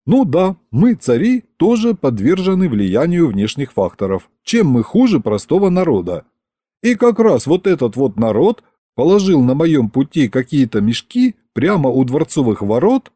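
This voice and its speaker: A male audiobook reader tells a first-person comic story with ironic, expressive delivery. His voice moves lively up and down, and the timbre is dark and mellow. The recording is close and dry. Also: medium pitch, moderate pace, no room sound.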